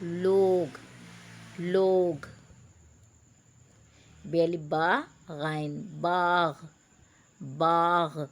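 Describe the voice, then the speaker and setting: A woman teacher, patiently spelling out words letter by letter in an online reading lesson for young pupils. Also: lowish voice. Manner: addresses pupils as beta.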